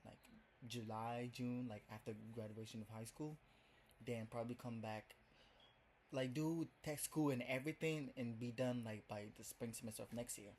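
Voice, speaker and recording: A young adult man from Ghana with a Ghanaian accent speaks in a mid-range, slightly mellow voice, with a bit of hiss or hum on the recording. In his first vlog to camera, he rambles casually and chattily, packing in lots of "like" and "um".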